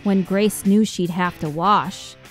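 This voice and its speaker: A woman reads a children's book aloud at a slow, careful pace. Her delivery is expressive and sing-song. Soft music plays behind her. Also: mid-range voice. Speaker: storyteller.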